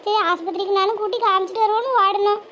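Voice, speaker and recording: A woman voicing a chatty village woman, talking briskly. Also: extremely high pitch, fairly even intonation, pushed and bright, a little hiss or hum. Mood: worried. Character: chatty village woman fretting over her cow. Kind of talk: cartoon voice acting.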